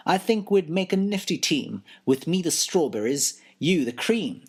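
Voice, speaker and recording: A woman voicing a loud, flirtatious upper-class lady in a storybook reading. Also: lowish voice, expressive, measured pace, husky. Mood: brash. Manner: loud, shouting.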